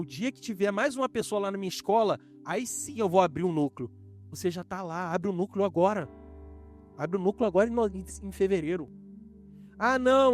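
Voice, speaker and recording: A man's voice: sits high, a little mellow. A man with a Brazilian Portuguese accent preaching a sermon to a congregation, rising and falling sharply and acting out quoted voices. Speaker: pastor. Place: church in front of a congregation.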